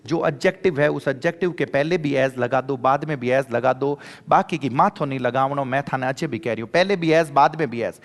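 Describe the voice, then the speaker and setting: A male teacher with a Rajasthani accent runs an exam-prep grammar lecture at a middle pitch. He voices his students' questions and answers each one himself, repeating every point in a drilling rhythm. His voice carries a long reverb, as in a large hall. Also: normal speed.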